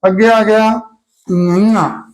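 ਇੱਕ ਪੁਰਸ਼ ਅਧਿਆਪਕ ਕਲਾਸ ਨੂੰ ਗੁਰਮੁਖੀ ਅੱਖਰ ਸਿਖਾਉਂਦਾ ਹੈ, ਧੀਰਜ ਨਾਲ ਅੱਖਰ ਦੁਹਰਾਉਂਦਾ ਹੈ ਅਤੇ ਬੱਚਿਆਂ ਤੋਂ ਜਵਾਬ ਬੁਲਵਾਉਂਦਾ ਹੈ।. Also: male voice, sits high, steady tone, slow pace, poor audio. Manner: patient, repeats letters and prompts pupils to answer. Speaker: Punjabi alphabet teacher. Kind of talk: classroom lesson with call-and-response.

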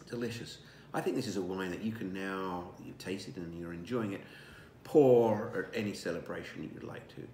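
Seated at a dining table indoors, a man in his sixties who makes wine leads a tasting, savoring it in an easy manner full of fillers and restarts. A camera across the table records him. His pitch is fairly low, the sound reverberant with a little hiss or hum.

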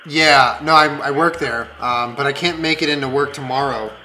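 A man's voice: mid-range voice, normal speed, pushed and bright. A young man chatting casually and making prank calls in an indoor room. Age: young adult. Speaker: prank caller and co-host. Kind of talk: casual chat and prank calling. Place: small indoor room, seated at a table. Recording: roomy, echoing indoor sound.

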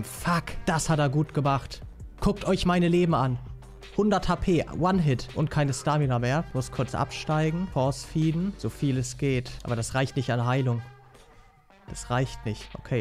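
A man giving excited, slangy live commentary on his own gameplay, swearing often. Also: medium pitch, moderate pace, soft background music. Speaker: gaming YouTuber. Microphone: studio mic.

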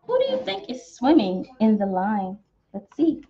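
Reading a picture book for little kids, this Texan storytime teacher in her young adult years exaggerates every line with a sing-song, theatrical flair. Her medium-pitched voice swings wildly and her pace is a little slow. The dull, somewhat muffled webcam recording comes from a small, decorated room in her home.

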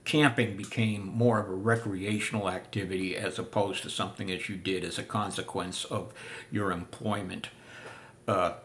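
An older man giving a casual spoken history lesson, unhurried with many filler pauses, seated in a room full of antiques. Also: low voice, fairly even intonation, fairly bright tone, a little hiss or hum. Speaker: living history presenter.

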